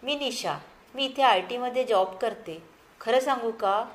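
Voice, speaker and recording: A woman voicing a chatty, ambitious young woman who dreams of modeling, talking in an excited, gushing way. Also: on the high side, unhurried, lightly acted. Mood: eager.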